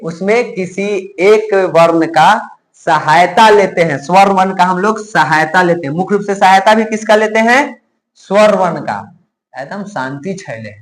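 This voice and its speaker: A male teacher giving a grammar lesson to a class, drilling sounds slowly and often asking the students if they have understood. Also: high voice, rough recording. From India. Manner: asks students frequent check questions.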